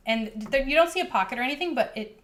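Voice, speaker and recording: A woman running a tabletop game as game master, chatty and quick to laugh. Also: sits high, expressive, fairly bright tone.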